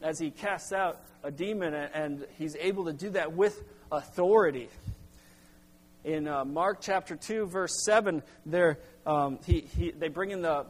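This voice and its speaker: A middle-aged man preaching a sermon as pastor, halting with restarts, then pressing into emphatic bursts. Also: fairly high pitch, slightly rough. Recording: long hall reverb.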